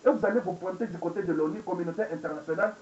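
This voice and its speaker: A man's voice: high-pitched, rapid-fire, darkish tone. A man in his forties delivering an angry, rambling monologue full of repeated phrases and rhetorical questions, recorded on a webcam indoors. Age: 40s. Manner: angry, repetitive, rhetorical questions, code-switching into English. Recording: echoey dull lo-fi webcam recording.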